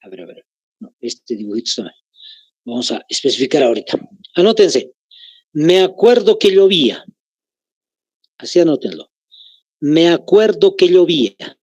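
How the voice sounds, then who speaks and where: A man with a Bolivian Spanish accent teaching a grammar lesson, slowly repeating phrases so students can take notes. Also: on the high side, sing-song, darkish tone, slightly rough, dry recording.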